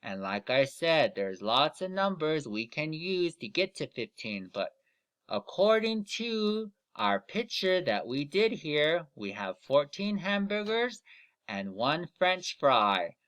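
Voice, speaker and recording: A man teaching young children in the manner of a kids show host, explaining deliberately step by step and often checking in with "okay?". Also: a little high, very animated, fairly bright tone, clear, resonant tone. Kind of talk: children's lesson instruction.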